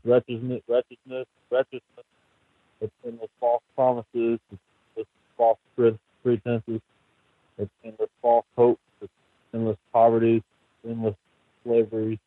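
A man calls in on a thin phone line, his voice fading in and out. He recites in a steady, flat tone with little rise and fall. The sound is dry and close, with no room around it. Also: mid-range voice, unhurried, long pauses, dry recording. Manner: flat, repetitive list-like recitation. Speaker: caller reading a poem. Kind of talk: poetry reading on a call-in show.

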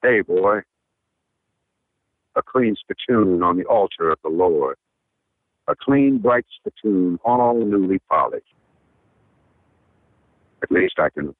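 A man from Alabama calling in to recite a poem in a slow, measured reading, over a phone line that keeps breaking up. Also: low-pitched, lively intonation, no echo. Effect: phone line breaking up, cutting in and out. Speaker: caller. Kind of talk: poetry recitation.

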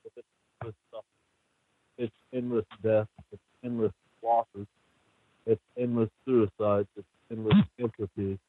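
A man calling in on a phone line that fades in and out, reading a poem in a flat, repetitive list-like way. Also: fairly low pitch, a little slow, dry recording. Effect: phone voice fading in and out. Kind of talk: poetry reading on a call-in show. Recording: tinny phone line, fading in and out.

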